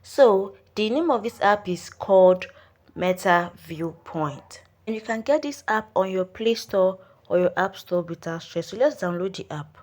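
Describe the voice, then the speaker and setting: A Nigerian woman hosting an online earning tutorial narrates a step-by-step app walkthrough in a mid-range, darkish voice with lively intonation and a measured pace. She keeps repeating her warnings with insistent emphasis.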